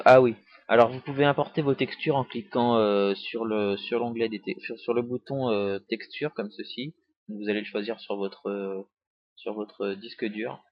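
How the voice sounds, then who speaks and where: A young man walks through a software tutorial in a casual, rambling way, full of hesitations and little jokes. His voice sits fairly low. The cheap desktop mic gives a dry, dull, lo-fi sound. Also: dry recording. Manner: rambling, many hesitations and fillers, joking. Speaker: tutorial maker. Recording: dry, dull lo-fi home recording.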